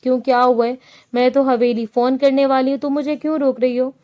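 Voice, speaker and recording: A woman's voice: sits high, flat delivery, highs cut off, close to an everyday voice. A woman reading the part of a doting, cheerful middle-aged mother in a spoken novel.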